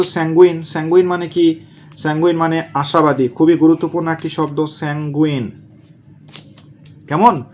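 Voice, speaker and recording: Lively man drilling vocabulary. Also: fairly high pitch. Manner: asks and answers his own questions, drills words slowly. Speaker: exam prep tutor. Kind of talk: vocabulary lesson.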